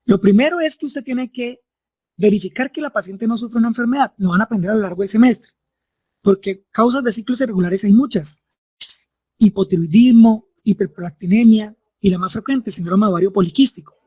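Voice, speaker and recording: A man's voice: high voice, brisk, dark tone, breathy edge, no room sound. A man teaching a medical class, explaining step by step and often checking that students follow. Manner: explanatory, checks understanding with frequent tag questions. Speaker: medical lecturer.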